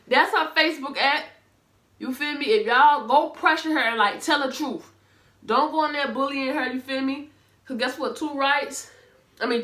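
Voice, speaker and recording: A high-pitched woman with a Southern US accent comments casually on the news and reads messages aloud, blunt and sarcastic. Her voice is bright and sharp, and it bounces around an echoey room. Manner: blunt, animated and sarcastic, talking straight to viewers. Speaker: reaction commentator.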